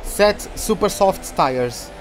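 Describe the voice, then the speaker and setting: A man's voice: sits high, lively intonation, slow, music in the background. A man giving casual live commentary as they play a racing video game. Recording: loud engine noise behind voice. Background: racing game car engines.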